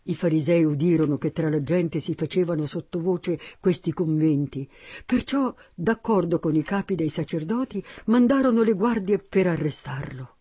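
A man narrating a Bible passage in a steady, slightly husky voice. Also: on the high side, normal speed, no echo, muffled recording. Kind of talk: Bible reading.

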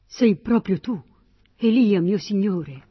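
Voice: medium pitch, animated, slow pace, husky. A reader voicing a fearful, loyal male royal steward in a read-aloud Bible story, pleading anxiously. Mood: reverent. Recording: dull lo-fi recording.

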